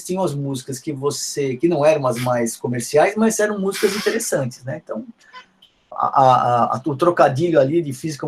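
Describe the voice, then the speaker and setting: A middle-aged man from São Paulo with a Paulistano accent, giving a conversational university lecture full of tag questions and restarts. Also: on the high side. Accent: Paulistano Portuguese. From São Paulo, Brazil. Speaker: guest lecturer, physics education professor.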